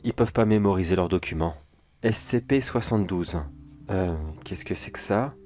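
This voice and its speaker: A weary security major, played by a man in a horror audio drama. He talks in a low, casual, musing way, often to himself. A faint background hiss sits under his voice. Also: normal speed, darkish tone, lightly acted. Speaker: security agent.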